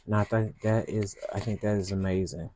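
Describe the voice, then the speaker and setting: Against background noise, a planner vlogger speaks in a very deep voice with fairly even intonation. The Michigan woman, who has a Southern US accent, rambles casually and softly at a slow pace while decorating her planner, frequently starting over.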